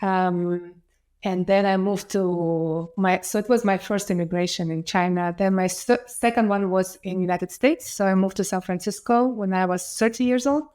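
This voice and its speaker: Here the same enthusiastic Ukrainian guest, a woman in her thirties with a Ukrainian accent, speaks at a normal speed in a medium-pitched, slightly mellow voice. She keeps it casual, full of fillers and restarts, and laughs a lot.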